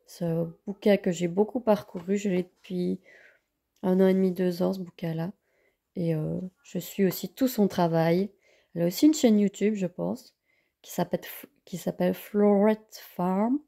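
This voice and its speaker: Gravelly-voiced woman reviewing books. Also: fairly low pitch, steady tone, moderate pace, mellow. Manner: hesitant, many fillers. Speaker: vlogger. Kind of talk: casual book review.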